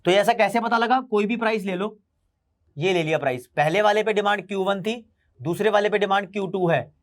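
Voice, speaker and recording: A man teaching an online economics class, repeating key English terms slowly for his students. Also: high voice. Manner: mixes Hindi with English terms.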